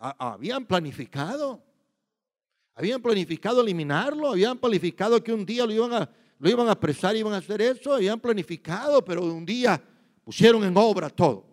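Man, preacher, sermon, fairly high voice, emphatic, repetitive, echoing hall. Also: animated, brisk. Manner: repeats himself, asks listeners "¿ve?" often; emphatic, shifts between loud and quiet. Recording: long hall reverb.

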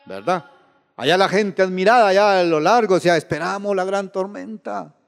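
A male preacher with a high, very expressive voice that climbs and falls as he delivers a sermon. He stumbles over and repeats words and keeps asking the congregation rhetorical questions. His voice rings with the long echo of a big hall. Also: smooth.

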